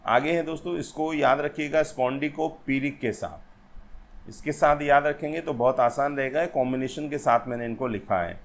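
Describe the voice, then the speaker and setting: A man teaching an exam-prep lesson, speaking slowly and repeating each point, reading English definitions aloud between explanations. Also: mid-range voice. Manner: slow and repetitive, addresses viewers as friends, reads English definitions aloud. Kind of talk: exam-prep lecture on poetic meter.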